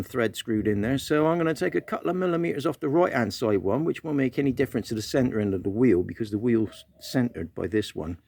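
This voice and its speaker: A man walks through a bike repair in an easy, chatty way, often muttering to himself as he works. His voice sits at an ordinary middle pitch, and the sound is close and dry with no room echo. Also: creaky, a little mellow. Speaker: motorbike vlogger. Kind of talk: casual workshop how-to.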